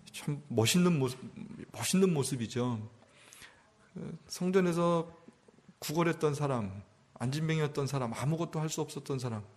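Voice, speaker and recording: A man preaching a sermon as a pastor, talking to his congregation in a conversational way, asking them questions and building up to emphatic passages. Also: mid-range voice. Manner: rises to emphatic, louder passages.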